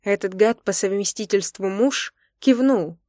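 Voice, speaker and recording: A young woman reads a first-person romance audiobook in a medium voice, expressive and intimate. The recording is close and dry, with no room sound. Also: medium pitch, measured pace, no echo. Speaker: narrator.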